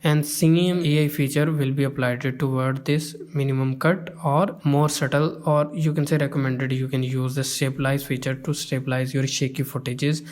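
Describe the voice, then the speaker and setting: A man giving a step-by-step screen-recorded software tutorial, often pausing on "uh" and "you can say". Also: mid-range voice, flat delivery.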